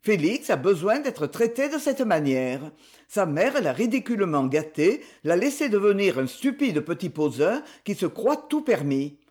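A woman reading the part of a stern, self-possessed young man who disciplines his cousin, firm and measured. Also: mid-range voice, big pitch swings, a little mellow, lightly acted. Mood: explaining. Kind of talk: audiobook novel reading.

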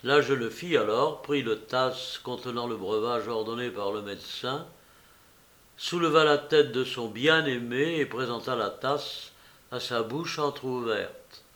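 A man reading a classic novel aloud as audiobook narration, slow and deliberate. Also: mid-range voice, a bit bright. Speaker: audiobook reader.

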